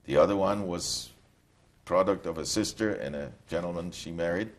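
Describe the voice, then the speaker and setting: An older man from Poland, with a very deep voice, gives recorded testimony as an interviewee. He tells his story reflectively, in a halting way.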